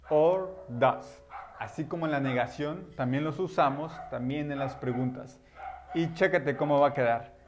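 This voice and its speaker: Guy teaching english, patient and explaining, slows way down on the example sentences. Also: on the high side, a little hiss or hum. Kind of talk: classroom-style grammar lesson.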